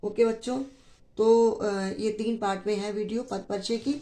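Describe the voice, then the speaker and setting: A woman's voice: mid-range voice, steady tone, normal speed, warm tone. A woman teaching a grammar lesson to school students, explaining patiently and repeating key phrases, with mixed in. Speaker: Hindi teacher.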